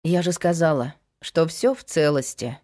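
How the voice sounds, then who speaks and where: A woman's voice: sits low, normal speed, darkish tone, lightly acted. A woman voicing a young woman, a frank and resolute investigator, in an audiobook. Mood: hesitant.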